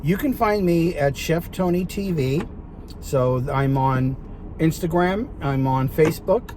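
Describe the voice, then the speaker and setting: A man's voice: fairly high pitch, unhurried, noisy background. A man with a Brooklyn accent, chatting casually as an interview guest and telling stories in a car. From Brooklyn, New York. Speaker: guest chef and TV product presenter. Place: inside a parked car.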